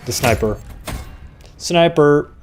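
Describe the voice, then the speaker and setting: This easygoing man in his 20s from Uruguay, whose first language is Spanish, streams a shooter as a tech streamer and chats with viewers between fights. He speaks slowly in a fairly high pitch, with slight background noise and faint gunfire from the game. He uses a desktop USB microphone for this casual live commentary.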